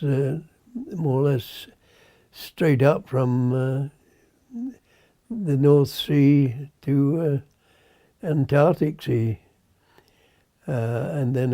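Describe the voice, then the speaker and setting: A hundred-year-old British man, a navy veteran, remembering his service in a halting, unscripted way, searching for words and trailing off. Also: mid-range voice, mellow, no echo. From Britain. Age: 100.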